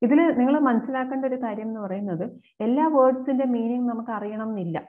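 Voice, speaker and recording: Woman teacher on a tinny phone-like line. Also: on the high side. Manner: reads questions slowly, then explains quickly. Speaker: exam coaching teacher. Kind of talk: explaining exam questions, mixing Malayalam and English. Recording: phone-like narrow sound.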